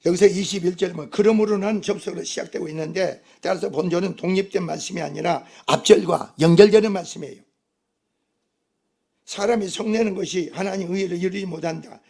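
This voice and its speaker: A man's voice: sits high, creaky, a little mellow, breathy edge. A male pastor delivering a Sunday sermon, emphatic and putting rhetorical questions to the congregation.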